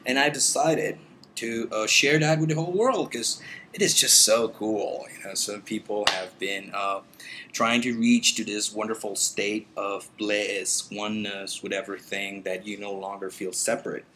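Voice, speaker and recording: A man's voice: lowish voice, steady tone, measured pace, sharp tone, slight background noise, low-quality recording. A man from El Salvador talking in a casual, rambling vlog into his computer, with many fillers and restarts. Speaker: meditation vlogger. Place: meditation center indoors.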